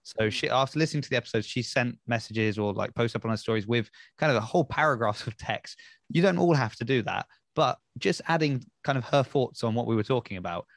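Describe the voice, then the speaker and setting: A man co-hosting a podcast, chatting in a thoughtful, halting way with frequent restarts. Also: mid-range voice, animated, vocal fry, dry recording, clean studio sound. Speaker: podcast co-host. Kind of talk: casual podcast chat.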